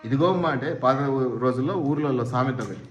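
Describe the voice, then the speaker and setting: A man's voice: medium pitch, a little fast, faint music behind. A man preaching a sermon as pastor, firing rhetorical questions and acting out what imagined people say. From India. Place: church hall. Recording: echoey church hall.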